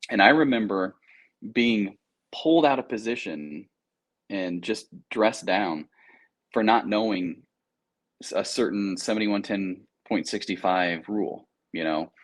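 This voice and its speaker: An American air traffic controller takes his time in an interview, speaking in a lowish, unhurried voice. He describes things casually, with slang and anecdotes along the way.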